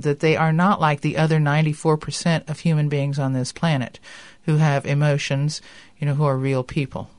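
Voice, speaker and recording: Earnest man hosting a podcast, higher-pitched voice. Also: vocal fry, no echo. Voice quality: slightly impeded speech from dental appliance. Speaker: podcast host. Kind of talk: podcast talk with read-out quotes.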